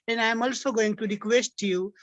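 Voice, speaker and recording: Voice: medium pitch, fairly even intonation, moderate pace. A participant from Nepal speaking hesitant, polite English with many fillers on a video call. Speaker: participant in an English conversation class. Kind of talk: casual video-call chat. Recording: dry, muffled video-call audio.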